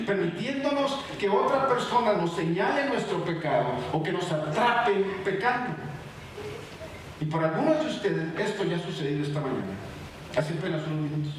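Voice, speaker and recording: Pastor preaching with sudden hushes. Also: male voice, sits high, noisy background. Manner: impassioned preaching with sudden drops to hushed tones. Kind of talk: sermon.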